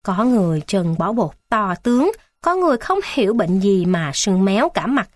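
A woman narrating a story in a steady, expressive reading. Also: medium pitch, moderate pace, no echo.

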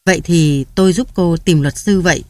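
A woman's voice: on the low side, moderate pace, dark tone, no room sound, lightly acted. A woman reading the part of a scheming middle-aged man who presses a grieving wife to hand over her money. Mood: persuasive. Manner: persuasive, pressing.

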